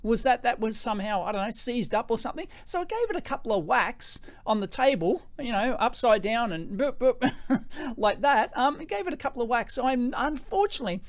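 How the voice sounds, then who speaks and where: Australian man, high voice, rising terminals, casual tech-review chat, close dry microphone. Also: expressive, fairly quick, no echo. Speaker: tech reviewer hosting a gear demo. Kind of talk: casual off-the-cuff product demo. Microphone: close podcast microphone.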